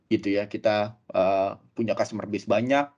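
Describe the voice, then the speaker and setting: A man giving a webinar presentation as a guest speaker, chatty and animated, telling stories with many fillers. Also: fairly low pitch, moderate pace, dull audio. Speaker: guest speaker from a tech company.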